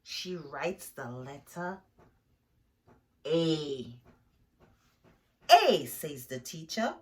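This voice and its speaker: Reading a children's picture book aloud, a deep-voiced woman is animated and expressive, stopping to explain the story simply for young listeners.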